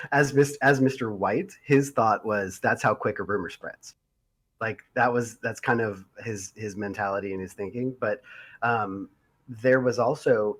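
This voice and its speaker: Man, podcast co-host, low husky voice, rambling storyteller, casual chat. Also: fairly bright tone. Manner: rambling storyteller, halting with fillers. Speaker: podcast co-host and role-player.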